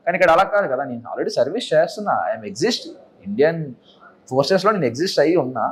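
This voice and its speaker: A young man being interviewed in a casual chat, talking earnestly and mixing English words into his Telugu. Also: on the high side. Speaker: interview guest.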